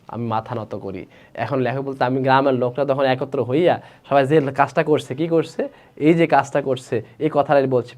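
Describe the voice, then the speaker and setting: A man's voice: medium pitch, darkish tone. A man with a Bangladeshi Bengali accent teaching a literature class, reading story lines aloud and explaining them in casual speech, asking students questions.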